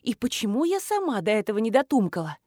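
A bossy, impatient rich blogger from an audiobook, as a woman narrator puts her on. She snaps and hurries others, fairly high, lively and dry. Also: fast talker, no echo. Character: bossy brisk female millionaire blogger.

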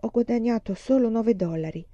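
A woman reading the lines of a fifteen-year-old pioneer girl, a bit higher and plaintive. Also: a little fast, dark tone, dry recording, highs cut off, natural voice.

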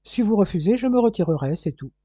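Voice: mid-range voice, expressive, fast talker, mellow, husky, dry recording, pitched above the performer's own voice. A reader voicing a persistent male police inspector, insistent and coolly formal in an audiobook. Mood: firm. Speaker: detective questioning a household.

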